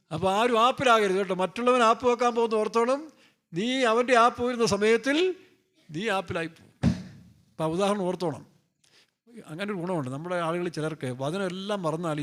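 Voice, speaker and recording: A man's voice: sits high, fairly bright tone. A male pastor preaching a sermon in a loose, joking way, firing off rhetorical questions and playfully acting out scripture characters.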